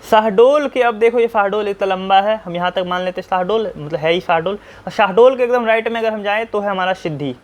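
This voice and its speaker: A man with a high voice teaches like a tutor. He spells every name out slowly, one letter at a time. He often asks a quick question and then answers it himself. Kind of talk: map-drawing tutorial.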